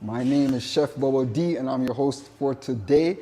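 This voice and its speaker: Speaking at a moderate pace in a medium-pitched, dark voice, a vegan chef from Jamaica delivers an informal presentation in his Jamaican accent. Earnest throughout, he circles back over the same points and slips in spiritual remarks.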